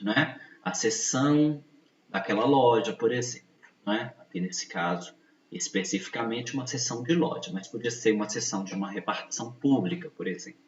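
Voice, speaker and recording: A man giving a video lesson, explaining slowly and patiently, often checking in with his listeners and repeating key points. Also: mid-range voice. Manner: slow, patient, repeats points with frequent tag questions. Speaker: teacher. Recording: echoey, distant, dull-sounding room mic.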